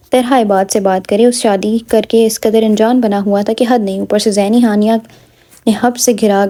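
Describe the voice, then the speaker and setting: A woman narrating a romance novel aloud at a steady pace, with occasional small slips and restarts. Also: a little high.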